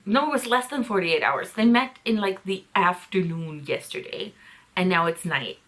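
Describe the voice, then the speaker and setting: A woman's voice: lowish voice, lively intonation, moderate pace, fairly bright tone. A woman hosting a casual book breakdown, giving sarcastic, exasperated commentary. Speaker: host.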